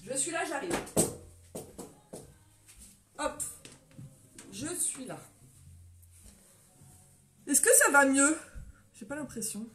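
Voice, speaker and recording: Woman from France, high voice, runs a chatty live makeup tutorial, greets viewers by name, a little winded. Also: lively intonation, slow, long pauses, sharp tone. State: coughing after a run.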